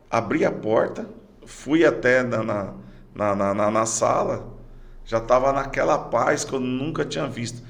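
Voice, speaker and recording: Gravelly middle-aged Brazilian man, halting. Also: mid-range voice, a bit bright. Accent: Brazilian Portuguese. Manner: halting, repeats words and restarts phrases. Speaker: podcast guest, police sergeant. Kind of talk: personal testimony in casual conversation.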